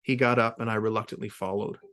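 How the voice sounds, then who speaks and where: For a remote video reading series, a man gives an informal introduction and then reads his own short story in literary fashion. His voice is lowish and fairly bright, delivered flatly at a quick pace.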